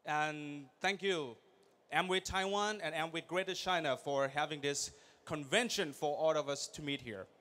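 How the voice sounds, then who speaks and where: A young man speaks on stage at a big convention, his voice sitting high for a man. He is energetic and keeps throwing questions out to the audience, pushing them to answer. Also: normal speed. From Thailand. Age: young adult. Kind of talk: motivational stage speech. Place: large convention hall.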